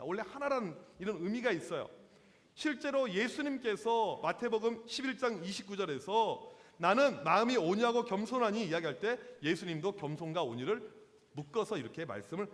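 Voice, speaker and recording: A man in his forties preaching to teenagers as a youth pastor, lively and slangy, acting out quotes in different voices. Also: high voice. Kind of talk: sermon to teenagers. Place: church hall. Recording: long hall reverb.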